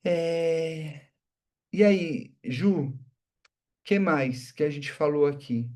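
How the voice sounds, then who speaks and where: A man's voice: a little high, extremely slow. A man giving a live educational talk, explaining and acting out how he talks to children. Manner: animated, acts out talks with children. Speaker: education specialist answering questions.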